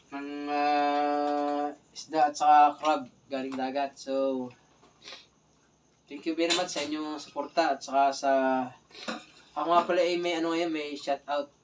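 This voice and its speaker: Indoors at night in a small tiled kitchen, a spearfishing vlogger from the Philippines, in his thirties, shows his catch and repeatedly thanks his viewers in casual narration. His voice sits on the high side and is a bit bright, captured by distant phone audio with obvious background noise.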